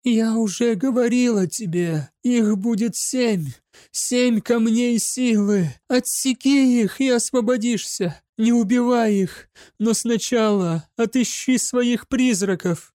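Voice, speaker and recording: A man voicing an eerie young witch girl in a dry, slow whisper. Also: very high-pitched, dark tone, dry recording, pitched above the performer's own voice. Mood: shrill trance.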